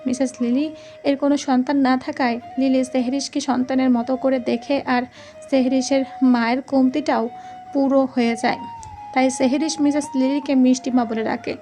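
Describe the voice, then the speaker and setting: A woman with a high, light voice reads a romantic story aloud in a steady scripted manner. She speaks every character's lines in her own voice. Faint music plays behind her. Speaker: narrator. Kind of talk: scripted audio story narration.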